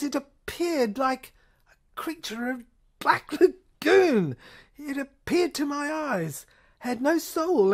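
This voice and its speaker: Narrating in the first person for a science fiction audio play, a high-voiced woman gives a dramatic, intense performance. She speaks haltingly, repeats phrases, and at times drops nearly to a whisper.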